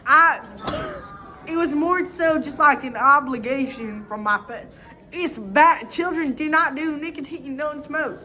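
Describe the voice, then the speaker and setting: A young woman improvising a mock interview, deadpan and stammering. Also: high-pitched, a little slow. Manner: deadpan, stammering, breaks into laughter. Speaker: interviewee in a comedy skit.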